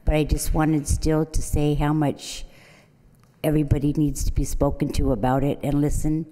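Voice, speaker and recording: A woman making a plain, halting, sincere public comment at a city council meeting, speaking into a podium microphone in a large chamber. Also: low-pitched, level tone, mellow. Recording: long hall reverb from the chamber.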